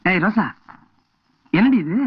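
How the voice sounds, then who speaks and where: A man's voice: sits high, expressive, slow, breathy edge, exaggerated voice. A blustering village headman. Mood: bickering. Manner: quarrelsome, repeats himself. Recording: dull film soundtrack.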